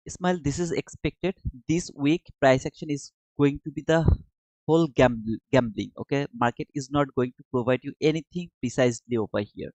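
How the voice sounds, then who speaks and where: Speaking at a normal pace, the Bangladeshi streamer's mid-range voice comes across a little mellow as he casually reviews his live chart and chats with viewers. There's no echo in the dull, dry lo-fi audio.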